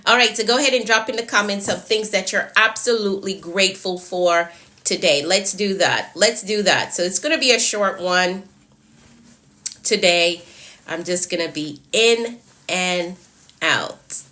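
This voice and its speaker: Coaching live viewers through a stream chat, a congested woman who is losing her voice speaks at medium pitch with a measured pace and a sharp tone. She is encouraging as a productivity coach, greeting people by name and repeating phrases.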